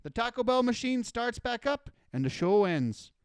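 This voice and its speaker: A man reads a story aloud on a podcast, stumbling along with fillers. His voice sits high and swings widely in pitch. It is smooth and clear, recorded dry and close. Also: sing-song, moderate pace, dry recording. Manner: hesitant, filler-heavy storytelling. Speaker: podcast co-host reading a listener story. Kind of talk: casual podcast chat, dramatized story reading.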